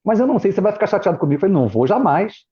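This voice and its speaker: High-voiced man telling a story, muffled audio. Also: racing, husky. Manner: animated, acts out family members' voices in quotes. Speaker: guest, former pastor. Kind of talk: casual chat, personal storytelling. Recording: muffled lo-fi live stream audio.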